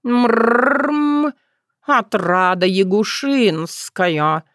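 A woman voicing a slow, courtly talking cat. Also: medium pitch, expressive, a bit bright, smooth, no room sound, clean studio sound. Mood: stately. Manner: slow, ceremonious, purring.

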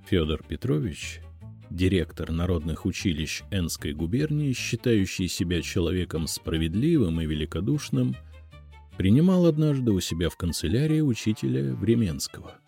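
A man narrating a literary story for an audiobook in a measured, expressive reading. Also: deep voice, creaky, husky, faint music behind.

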